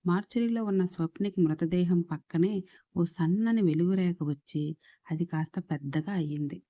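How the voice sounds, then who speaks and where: A woman storyteller narrating an audio story in a steady, even reading. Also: lowish voice, moderate pace, dry recording, lo-fi sound.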